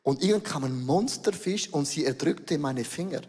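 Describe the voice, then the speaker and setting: Middle-aged Swiss German preacher, animated delivery with slow stressed words, large reverberant hall. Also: male voice, fairly high pitch, breathy edge. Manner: animated, shifts between slow emphatic words and rapid bursts. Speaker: pastor. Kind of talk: sermon.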